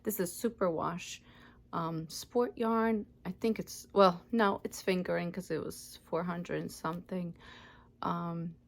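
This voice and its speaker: Ukrainian-born woman, 30s, knitting vlog host; chatty, slow, self-correcting, slightly gravelly. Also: fairly low pitch, fairly even intonation. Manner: chatty, self-correcting, often unsure of details. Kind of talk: casual show-and-tell vlog.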